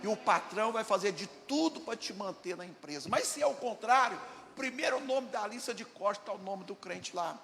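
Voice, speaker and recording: A man's voice: sits high, lively intonation, normal speed, vocal fry, a bit bright. A Brazilian man, a pastor preaching a sermon, emphatic, asking the congregation questions and acting out dialogues. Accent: Brazilian Portuguese. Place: church hall. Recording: echoey church hall, faint ambience.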